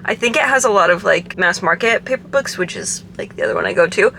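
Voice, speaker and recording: A young woman in her twenties, a vlogger, chats casually to her camera from a parked car in a parking garage, rambling with lots of fillers. Her voice sits fairly low but swoops wildly in pitch, and she talks quickly in a sharp tone. A faint hiss or hum runs underneath.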